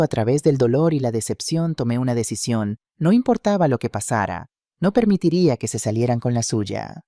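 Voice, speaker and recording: A man reading a dramatic first-person story in steady narration. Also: medium pitch, no echo, studio quality.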